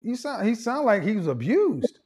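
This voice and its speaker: A man's voice: sits high, sing-song, moderate pace, a little mellow, breathy edge. A man hosting a call-in debate show, blunt and pushing back on callers, with features. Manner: blunt, pushes back, talks over callers. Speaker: host taking callers.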